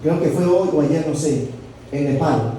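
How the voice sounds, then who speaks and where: A male pastor delivers a sermon, firing questions at his congregation and pushing his voice up for emphasis. His tone is dark and mellow, set a little high for a man. He is heard from a distance in a very echoey room, with a faint hum of background noise. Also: unhurried. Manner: preaching with rhetorical questions and sudden loud peaks.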